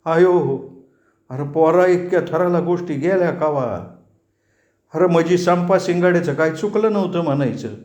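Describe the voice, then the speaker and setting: A man's voice: a little high, normal speed, darkish tone, pitched above the performer's own voice, lightly acted. A fretful old village father from a storybook, acted by a man in a raised voice, coaxing and worried. His pleading lines echo in a roomy space. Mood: anxious. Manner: anxious, coaxing.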